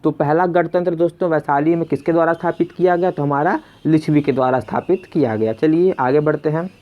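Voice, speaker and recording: A man hosts a video quiz lesson for an exam, conversationally repeating each question before giving its answer. His voice is fairly high and fairly quick, captured in a dull lo-fi recording.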